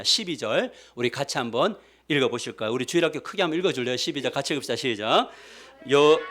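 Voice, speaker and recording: A male pastor giving a sermon, asking his congregation questions as he goes. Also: mid-range voice. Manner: animated preaching, asks the congregation questions. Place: church sanctuary.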